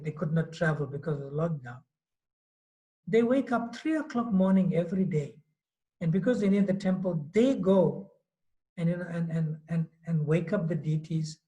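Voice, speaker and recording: In Mauritius, a man in his late fifties, a swami, gives a devotional class in a relaxed, conversational manner with frequent "you know"s. His voice is mellow and on the high side, and the recording is rough.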